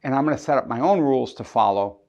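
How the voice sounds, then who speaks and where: A man's voice: medium pitch, animated, quick pace, a little mellow. A man, an estate planning attorney, explaining legal documents to camera. He asks questions and answers them himself, often checking in with "right?".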